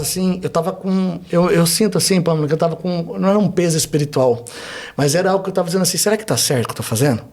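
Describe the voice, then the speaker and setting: A man speaks as a pastor on a podcast, his words tumbling out quickly in a fairly high voice. He preaches with fervor and builds his testimony into one rhetorical question after another. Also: a little mellow. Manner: fervent, fast storytelling with rhetorical questions. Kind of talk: testimony and exhortation in a podcast interview.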